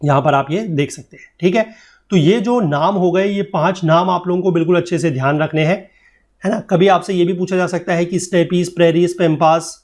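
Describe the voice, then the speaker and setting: A man's voice: high-pitched, a little mellow. A man teaching a geography lesson for exam preparation, explaining patiently and often checking that students follow. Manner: explains patiently, checks understanding with tag questions; mixes English textbook lines into Hindi explanation. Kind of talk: exam-prep lecture.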